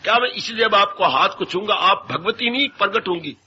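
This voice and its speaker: A man's voice: high voice, expressive, fairly quick, pushed and bright, highs cut off, slight background noise, full character voice. A man voicing a grown male devotee who begs a goddess to appear. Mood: pleading.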